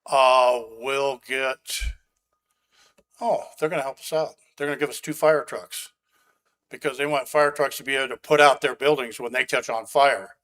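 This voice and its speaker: A man's voice: medium pitch, fairly even intonation, moderate pace, a bit bright. A man speaking at a county meeting as a resident giving public comment, blunt and sarcastic, angry about the project. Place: county commission meeting room.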